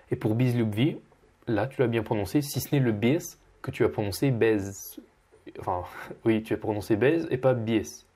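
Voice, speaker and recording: Husky man teaching pronunciation. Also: medium pitch, mellow. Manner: patient, corrective, models words slowly and repeats them. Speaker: Russian language teacher. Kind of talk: correcting a student's pronunciation.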